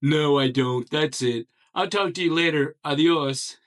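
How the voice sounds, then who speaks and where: A man with a somewhat high voice casually telling a joke, speaking to a voice assistant. He repeats his commands and enunciates carefully as he narrates the story. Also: unhurried, fairly bright tone.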